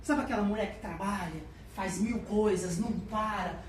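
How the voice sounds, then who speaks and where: A woman with a Brazilian accent giving a humorous motivational talk to an audience. She is chatty and animated and acts out voices. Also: medium pitch, moderate pace. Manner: chatty, tags lines with "né". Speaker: lecturer. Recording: echoey, mic far off, background noise.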